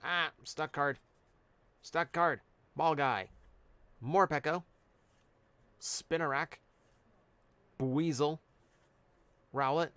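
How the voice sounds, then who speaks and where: A man's voice: on the high side, very slow, long pauses, a bit bright, clean tone, dry recording. A man chatting casually on a live stream, reading out cards and answering chat. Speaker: streamer opening card packs.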